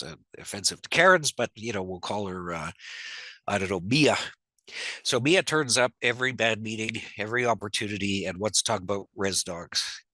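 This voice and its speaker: A man's voice: on the low side, sharp tone, dry recording, rough recording. Congested man presenting an online seminar. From Northern Ontario, Canada. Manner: conversational, digressive, self-deprecating asides. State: stuffed up, congested. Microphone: video call.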